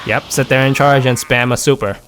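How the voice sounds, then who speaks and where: A man's voice: medium pitch, fairly even intonation, brisk. Guy casually talking over his game footage, lots of uh and restarts, faint music behind. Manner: rambling, many fillers and restarts. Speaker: gaming content creator. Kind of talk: casual gameplay commentary.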